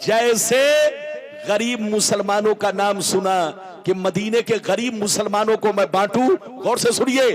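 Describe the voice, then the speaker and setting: A high-pitched man with a Bihari Hindi accent preaches a sermon to a gathering over a sound system, calling on the crowd to answer aloud and chanting some lines in a drawn-out, melodic way.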